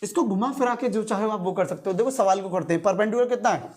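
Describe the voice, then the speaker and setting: A man's voice: high voice, fast, darkish tone. A male teacher giving a classroom lecture, quizzing his students in call-and-response and repeating key terms to stress them.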